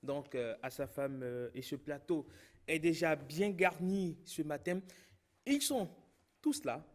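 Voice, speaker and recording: A man's voice: fairly high pitch, animated, measured pace, a little mellow. Playful Beninese man hosting a talk show. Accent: Beninese French. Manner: playful, teasing, with many fillers.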